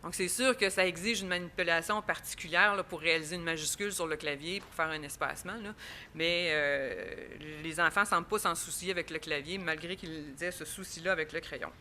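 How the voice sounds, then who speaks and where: A woman's voice: on the low side, fairly quick, bright, forceful tone, slight background noise. A woman with a Quebec French accent presenting research at an academic conference, explaining step by step with frequent fillers and restarts.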